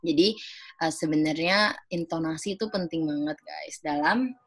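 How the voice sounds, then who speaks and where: Chatty young woman, low voice. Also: normal speed, background noise. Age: young adult. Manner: chatty, many fillers, acts out example phrases. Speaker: speaker at a student organization webinar. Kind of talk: casual explanatory talk.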